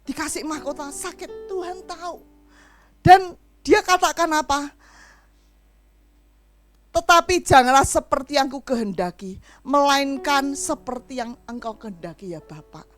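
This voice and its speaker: A middle-aged woman preaching a sermon in an animated storytelling way, acting out the voices of the people in her stories. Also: high voice, a little slow, pauses often, no echo.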